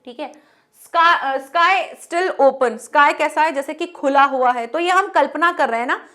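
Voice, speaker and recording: A woman teacher with an Indian accent and a high voice, talking students through poetic devices. She keeps asking questions and answering them herself. She says the example words slowly and more than once. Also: bright, forceful tone. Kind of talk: classroom lesson explaining poetry.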